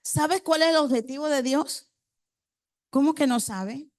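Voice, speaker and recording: A woman's voice: sits high, unhurried, darkish tone, no echo, clean studio sound. A woman preacher delivering a congregational sermon. She quizzes the congregation with rhetorical questions and repeats key phrases for emphasis.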